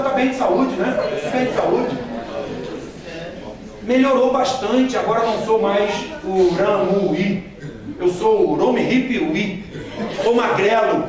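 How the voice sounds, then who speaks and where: A man, a missionary giving a church training talk with humorous anecdotes, joking and asking the audience questions directly. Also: sits high. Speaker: missionary speaker. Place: large hall with a live audience. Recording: echoey hall from far off, audience audible.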